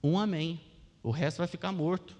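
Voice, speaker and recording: A young Brazilian man preaching a sermon as pastor, animated and questioning the congregation. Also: on the high side, moderate pace. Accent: Brazilian Portuguese. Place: church hall. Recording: long church hall reverb.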